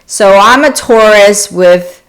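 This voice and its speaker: A woman's voice: mid-range voice, slow pace. A woman born in South Korea, hosting a wellness live stream, chatting casually and answering viewers' questions with frequent restarts. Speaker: wellness channel host.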